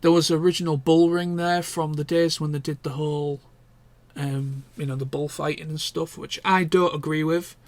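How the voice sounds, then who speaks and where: A man's voice: a little high, flat delivery, normal speed, a little mellow, dry recording. A male vlogger talking in a casual chat, rambling and often correcting himself, with the odd swear word.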